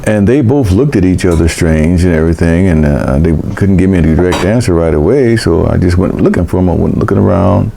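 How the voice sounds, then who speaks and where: An older man hosting a vlog, telling a personal story in a halting, emotional way with many restarts. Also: low-pitched, vocal fry, noisy background. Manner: halting, repeats words and restarts; emotional recollection. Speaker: vlog host.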